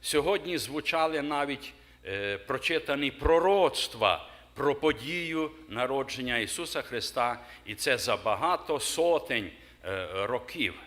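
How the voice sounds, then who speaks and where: Slow, lively-voiced pastor preaching. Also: male voice, medium pitch. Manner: asks the congregation questions, emphatic pauses. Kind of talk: sermon. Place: church hall.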